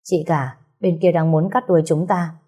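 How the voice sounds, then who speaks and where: A woman voicing a loyal male henchman who reports calmly to his boss. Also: fairly low pitch, moderate pace, slightly rough. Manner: calm reporting.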